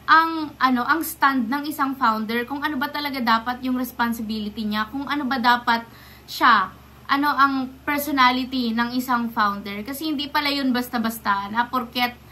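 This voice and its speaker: This young Filipina vlogger addresses the camera in a rant full of indignant rhetorical questions, remaining polite while defiant. Her high voice has a sharp tone and moves at a normal pace.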